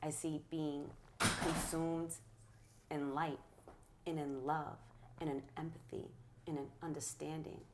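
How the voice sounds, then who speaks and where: A woman's voice: sits low, flat delivery, a little slow, long pauses, very noisy. A middle-aged woman, a guest speaker in an interview, talking in a passionate, affirming way with a preacher-like rhythm. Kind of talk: conversational interview.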